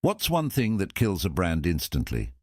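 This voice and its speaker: A man's voice: sits low, wildly swooping pitch, moderate pace, a little mellow. A man acting as interviewer, putting short scripted questions. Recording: faint background noise.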